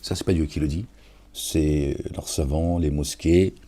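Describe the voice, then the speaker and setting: Steady and mellow, his very deep voice moves at an unhurried pace. An online commentator on religious and political topics, he preaches an informal reflection on scripture, talking to listeners as friends and regularly asking if they're following.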